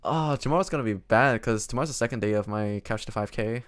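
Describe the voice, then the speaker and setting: A man streaming games, chatting casually in a quiet, low-energy way as his voice starts to go hoarse. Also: fast. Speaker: game streamer.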